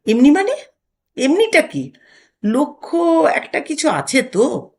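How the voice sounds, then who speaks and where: A woman narrator voicing a suspicious, sharp-tongued older wife who scolds her husband indignantly. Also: fairly high pitch, expressive, moderate pace, natural voice.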